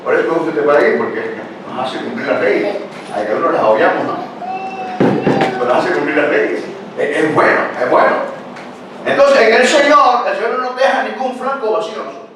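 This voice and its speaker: A man's voice: high voice, animated, brisk. Older male pastor, chatty sermon full of questions; distant mic in a very reverberant hall with faint background noise. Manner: conversational preaching with frequent rhetorical questions. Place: church hall. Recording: very echoey church hall, picked up from a distance.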